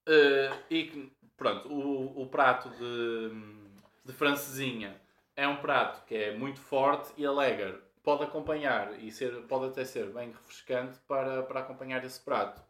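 Male host with a European Portuguese accent, halting tipsy chat, roomy sound. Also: medium pitch, a bit bright. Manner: rambling, halting, laughing. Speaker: podcast host.

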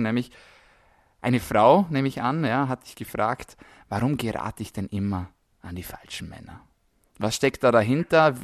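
A man's voice: mid-range voice, no room sound, clean studio sound. A man hosting a health podcast, chatty and friendly, repeating his welcomes. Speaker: podcast host. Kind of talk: casual podcast interview.

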